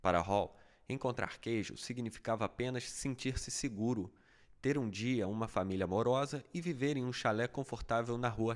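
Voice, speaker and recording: A man narrating a fable as an audiobook, with steady, even storytelling. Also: medium pitch.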